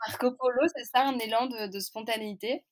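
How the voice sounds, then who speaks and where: A woman's voice: on the high side, fairly even intonation, a little fast. Chatty young French woman telling a story. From France. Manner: chatty, candid, hesitant with frequent fillers. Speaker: podcast guest. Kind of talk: casual storytelling interview.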